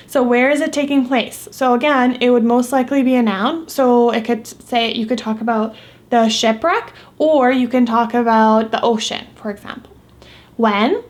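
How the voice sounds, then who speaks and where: A woman teacher giving a recorded phonics lesson to young students, patiently repeating example words slowly. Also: on the high side.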